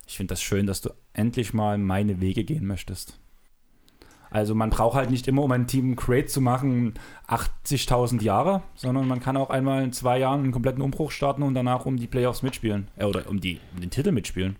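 A man with a medium-pitched voice co-hosts a casual chat podcast. He jokes and teases his partner, and he keeps the talk moving with questions. He is recorded indoors in a room with closed windows. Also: fairly even intonation, brisk, a little mellow. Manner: teasing, joking, drives the conversation with questions. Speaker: podcast co-host.

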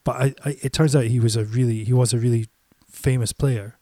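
A man's voice: medium pitch, steady tone, a little fast, mellow, no echo. Man chatting in a dry, close sound. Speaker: podcast co-host. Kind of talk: casual chat.

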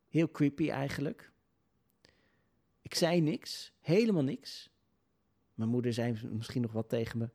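Hesitant man with a dark voice. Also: medium pitch. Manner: hesitant, with many filler sounds and restarts. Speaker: video creator telling a personal story. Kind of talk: personal spoken storytelling.

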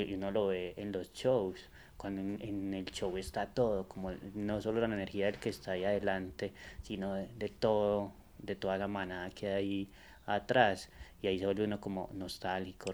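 A man, a musician guest, talking in a relaxed, rambling way with many hesitant fillers. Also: low voice, normal speed. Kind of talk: casual conversation.

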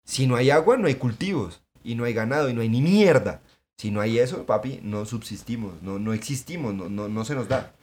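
Excitable, profane man. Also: mid-range voice, fairly quick. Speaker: podcast co-host. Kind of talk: casual chat.

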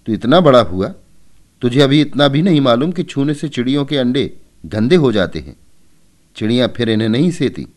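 A man voicing a stern mother who loudly scolds her two children in a storybook reading. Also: medium pitch, big pitch swings, normal speed, pitched above the performer's own voice, close to an everyday voice. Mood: scolding. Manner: scolding, loud.

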